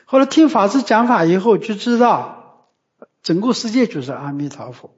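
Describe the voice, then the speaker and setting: A man's voice: high-pitched, sing-song, normal speed. A man giving a Buddhist dharma talk, didactic and emphatic, often ending points with a tag question. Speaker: Buddhist teacher. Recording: muffled lo-fi recording.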